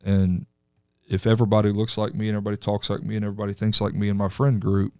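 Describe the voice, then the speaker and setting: Gravelly pastor hosting a chat. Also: male voice, lowish voice, completely flat delivery, darkish tone, no echo, studio quality. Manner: conversational, halting restarts, laughs easily. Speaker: podcast host and pastor. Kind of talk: casual chat.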